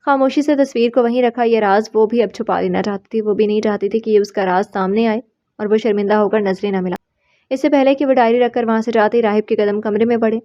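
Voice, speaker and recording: Calm woman reading a novel aloud. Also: a little high. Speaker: audiobook narrator. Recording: slightly muffled recording.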